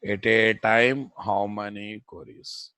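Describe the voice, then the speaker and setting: Slow-paced man teaching, Telugu Indian accent. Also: on the low side, steady tone, bright, forceful tone, clear, resonant tone, no echo. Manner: repeats phrases, checks understanding, chiding asides to students. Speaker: programming instructor. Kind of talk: live technical lesson.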